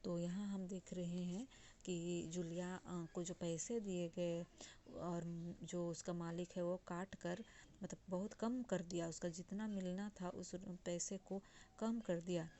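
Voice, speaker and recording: A woman's voice: lowish voice, fairly even intonation, a little slow, warm tone, slight background noise. A woman Hindi teacher explaining a textbook chapter, restating the text in simple words with frequent fillers.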